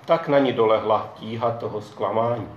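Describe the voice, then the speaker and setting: Calm male narrator in an echoey room. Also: on the low side, a little hiss or hum. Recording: dull echoey room, faint ambience.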